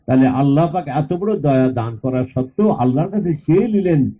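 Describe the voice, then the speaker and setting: A male preacher delivers a sermon in a chanting, sing-song rhythm, his voice sitting a little high and climbing further at emotional peaks. He calls on listeners to respond aloud. The recording is narrow and tinny, like a phone line. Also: animated, brisk. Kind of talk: Bengali religious sermon (waz).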